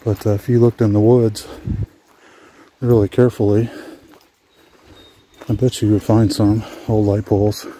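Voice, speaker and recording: Relaxed low-voiced man rambling on a hike. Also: unhurried, pauses often, slight background noise. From Washington State, USA. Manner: relaxed, rambling, with frequent "uh" fillers; talks while walking outdoors. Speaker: adventure vlogger. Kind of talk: casual hiking vlog commentary. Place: outdoors on abandoned railway tracks.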